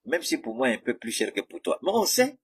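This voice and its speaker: Husky man ranting with mocking scorn. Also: mid-range voice, huge pitch swings, brisk. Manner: mocking, combative, addresses rivals directly. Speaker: political commentator. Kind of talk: heated monologue commentary.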